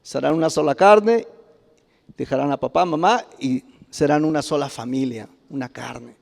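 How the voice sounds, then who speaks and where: In a church sanctuary, a middle-aged pastor with a Mexican Spanish accent tells stories through his sermon, his fairly high, creaky voice moving at a moderate pace. He chuckles often and builds into loud exclamations, all ringing with the long reverb of the hall.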